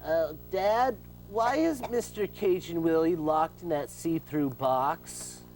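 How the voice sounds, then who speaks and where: A woman's voice: low voice, takes it slowly, darkish tone, slight background noise. A woman playing a timid, polite young son, hesitant and innocent, in a comedy audio drama.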